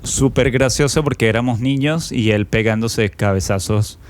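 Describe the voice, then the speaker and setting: A man hosting a podcast, telling a childhood story in an unhurried, reflective way with frequent fillers. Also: medium pitch. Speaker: podcast host. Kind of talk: personal storytelling monologue.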